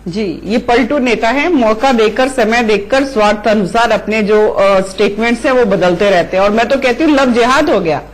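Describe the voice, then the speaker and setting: Woman debate panelist, higher voice, combative, talks over rivals. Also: normal speed, hardly any pauses, slight background noise, poor audio. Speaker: party spokesperson. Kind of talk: TV debate argument.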